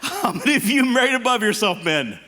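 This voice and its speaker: High, bright-voiced man doing stand-up. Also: fairly quick, a little hiss or hum. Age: 50s. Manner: animated, teasing, questions the audience directly. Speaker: stand-up comedian. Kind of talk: clean stand-up comedy to a live audience. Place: live stage show before an audience.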